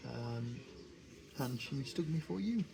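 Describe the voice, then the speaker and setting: Brief: man, dry sarcasm, mid pitch, noisy phone recording. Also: expressive, unhurried, gravelly. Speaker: partner on camera. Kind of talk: casual chat.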